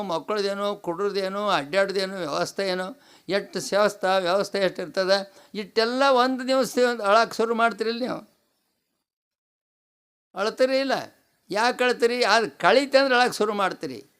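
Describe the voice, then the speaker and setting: Delivering a pravachana, a swami with a North Karnataka Kannada accent, from North Karnataka in India, repeats key phrases and poses rhetorical questions to his listeners. His voice sits high, sounds a bit bright and clean, and moves at a moderate pace.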